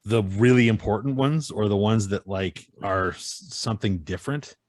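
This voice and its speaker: A man's voice: on the low side, normal speed, a little mellow, no echo. A man guesting on a podcast over a video call, talking bluntly and swearing freely. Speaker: podcast guest and co-host of a motorsports show. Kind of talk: casual chat.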